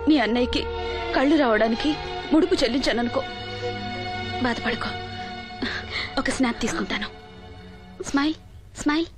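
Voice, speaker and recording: An actress playing a sad young woman who gently and tearfully confides a painful secret. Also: high voice, moderate pace, pauses often, music in the background, lightly acted. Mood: confiding.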